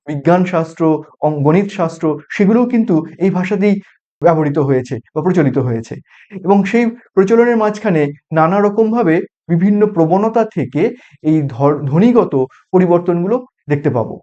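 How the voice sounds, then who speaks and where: A man with a Bengali accent lectures in a measured, explanatory way, lingering on each example. His voice sits high for a man, with a mellow, warm tone. The recording is dull and lo-fi, like an educational broadcast. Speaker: university lecturer.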